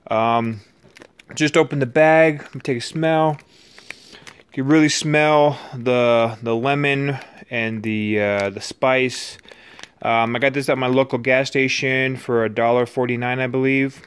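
A man giving a casual, off-the-cuff snack review, hesitant, with many ums and pauses. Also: medium pitch, steady tone, clean tone. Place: living room indoors, by a couch.

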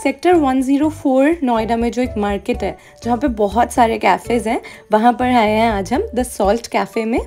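Moving back and forth between Hindi and English, this vlogger narrates a relaxed cafe food review. Her voice is slightly high and warm at a normal speed. Music runs underneath the voice-over.

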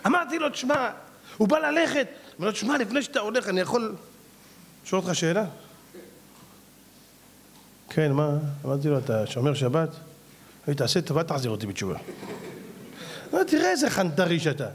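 A middle-aged rabbi tells a story in a sermon, acting out both his own part and a salesman's in their conversation. His husky voice sits high, and he's very animated, pausing often.

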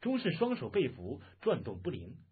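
A man reading a martial-arts novel aloud as a dramatic, animated audiobook narrator. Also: a little high, normal speed, breathy edge. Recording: muffled, phone-like lo-fi audio.

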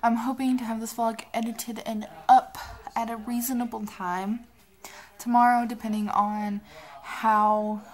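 Sick sleepy girl in her 20s just rambling to her vlog camera, kinda high voice. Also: little pitch movement, measured pace. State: sick, tired and drowsy. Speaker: vlogger. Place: small cluttered bedroom, indoors.

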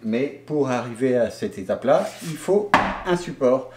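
Over heavy background noise, a French woodworker and YouTuber in his forties describes his machine setup in his large indoor wood workshop. His mid-range voice has lively intonation at a moderate pace, and his delivery is casual and hesitant, with plenty of fillers.

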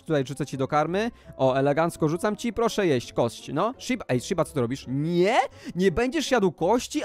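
A man playing out a Minecraft role-play as a YouTuber, talking excitedly and exclaiming to his viewers. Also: a little high. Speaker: gaming YouTuber.

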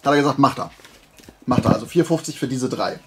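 Fast and expressive, a man with a mid-range voice walks viewers through his flea market haul. His show-and-tell is relaxed and colloquial, driven by collector's enthusiasm and the questions he raises for himself.

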